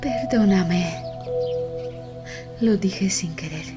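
A young estranged wife in a film drama, speaking slowly in a slightly high voice. She sounds emotional and resentful, with music clearly behind her. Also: animated. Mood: defensive, bitter. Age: young adult.

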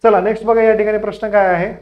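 High-voiced man teaching an exam class. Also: little pitch movement. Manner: rapid, coaxing, keeps urging students to answer fast; calls students "children" affectionately. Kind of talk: live online exam-prep class. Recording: dull lo-fi stream audio.

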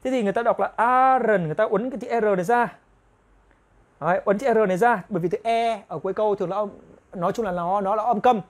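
A woman teaching an online grammar lesson, explaining step by step and repeating example phrases slowly. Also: medium pitch, a little mellow. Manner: explains step by step, often asking the viewers "right?". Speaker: English teacher.

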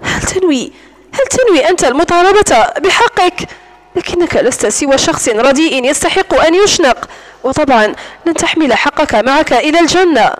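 A woman's voice: extremely high pitch, animated, a little fast. A woman voicing a proud, defiant young woman held captive in an audiobook, speaking with scorn. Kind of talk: audiobook narration.

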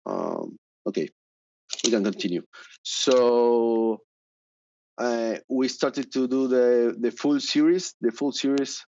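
A man's voice: medium pitch, slow, vocal fry, darkish tone, slight background noise. A man in his thirties from Argentina, speaking English with an Argentine Spanish accent as a panelist, hesitant with many fillers and restarts, on a headset over a video call. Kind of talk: conference panel talk. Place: home room, indoors. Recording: dull video call audio.

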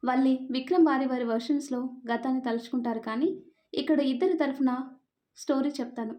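A woman with a high, mellow voice narrates a serialized story for her channel. She speaks gently and talks to the listeners directly, calling them friends. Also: fairly quick.

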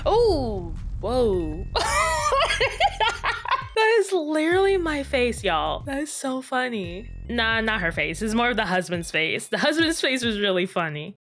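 Chatty lady doing a horror game playthrough, high voice, takes her time, a bit of music underneath. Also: sing-song, unhurried, hardly any pauses, a bit bright, a little hiss or hum. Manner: chatty, laughs often, reacts aloud to the game. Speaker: gaming YouTuber. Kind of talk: horror game let's play.

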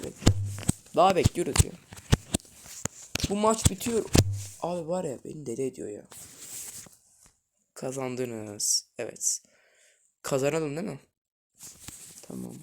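A man hosting a gaming video, giving live commentary that jumps from loud outbursts to quiet muttering while talking straight to his viewers as friends. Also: medium pitch, gravelly, background noise.

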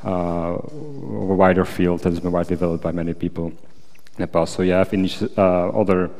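A man's voice: deep voice, little pitch movement, a little fast, a little mellow. A man answering academic questions at a thesis defense, hesitant and hedging with many qualifications. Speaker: PhD candidate answering examiner questions. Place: large wooden lecture auditorium. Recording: echoey lecture hall, long reverb.

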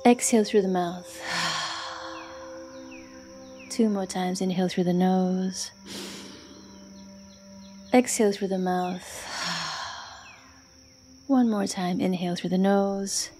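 With soft music playing in the background, a yoga nidra instructor leads a guided meditation in a mid-range voice of fairly even intonation. She speaks gently and soothingly, in short phrases punctuated by long pauses.

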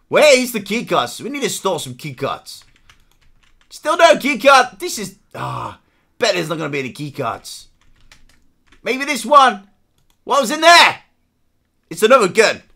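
A live streamer giving excitable, shouty gameplay commentary, repeating phrases and reading chat aloud. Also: mid-range voice, slightly rough.

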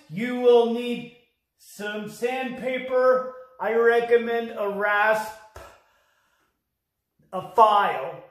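A man hosting a how-to video, explaining tools and materials with deadpan jokes. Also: high voice. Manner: deadpan, joking. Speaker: DIY host. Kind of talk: jokey how-to instruction. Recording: very echoey room, mic far off.

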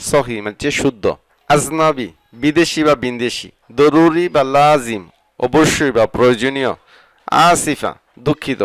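A man teaching a vocabulary lesson, saying each phrase and then its meaning in a steady drilling rhythm. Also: mid-range voice, no echo, poor audio. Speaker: language teacher.

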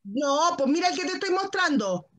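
Bright, high-voiced kindergarten teacher. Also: female voice, very animated. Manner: patient, slow sound-by-sound modeling with encouragement. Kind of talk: online phonics lesson for young children.

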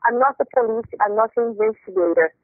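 A woman's voice: high-pitched, sing-song, fast, gravelly, no echo. A woman with a Brazilian accent, a fraud call agent on a phone call, flustered and apologetic, repeating herself. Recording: tinny phone line, dry.

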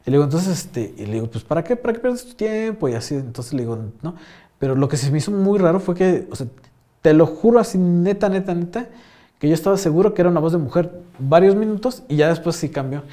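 Young Mexican man, casual podcast host; slightly high, mellow voice; rambling storyteller with lots of slang and fillers. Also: lively intonation, quick pace.

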